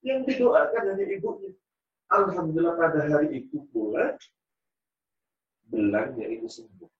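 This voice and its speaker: A man's voice: on the high side, wildly swooping pitch, normal speed. A male preacher giving a sermon, telling a story dramatically and acting out its voices. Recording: distant, roomy, dull sound.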